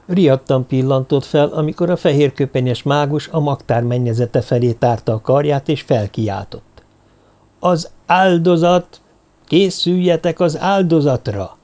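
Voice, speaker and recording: A man reading a novel aloud as an audiobook narrator, in measured, even storytelling. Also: medium pitch. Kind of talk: scripted narration.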